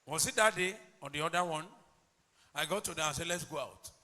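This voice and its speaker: A male pastor preaching a sermon emphatically, swinging between loud declarations and low asides. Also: brisk, in a large hall.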